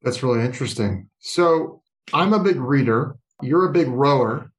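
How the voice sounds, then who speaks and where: A man's voice: medium pitch, animated, moderate pace. A man hosting a podcast interview in a casual, conversational way. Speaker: podcast host.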